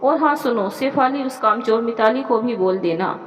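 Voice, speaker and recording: A woman voicing a bossy, scheming older woman of the house who talks in a sharp, mocking, commanding way. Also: on the high side, normal speed, roomy sound, in a large hall, close to an everyday voice, rough recording. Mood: scolding.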